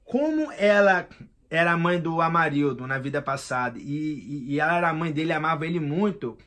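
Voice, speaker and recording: Guy telling a personal story, slangy and animated, kinda high voice. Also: a little fast. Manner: animated and slangy, addresses listener as "cara". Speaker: vlogger.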